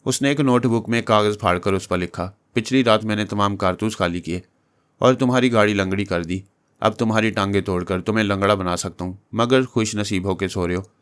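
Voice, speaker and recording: Deep-voiced man narrating a novel. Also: a little fast, clean tone. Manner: deep, steady storytelling voice reading all parts.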